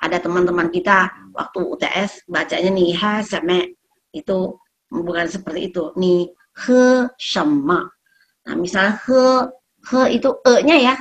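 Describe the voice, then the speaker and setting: A woman teaching Mandarin pronunciation, explaining each sound and repeating it slowly to demonstrate. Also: lowish voice. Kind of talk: pronunciation lesson.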